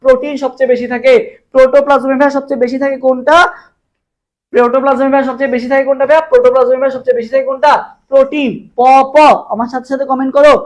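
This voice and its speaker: A man's voice: extremely high pitch, level tone, very fast, muffled recording. A young man with a Bangladeshi Bengali accent tutoring for an admission exam in a live online lesson, quizzing viewers over and over and drilling answers with memory tricks. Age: young adult.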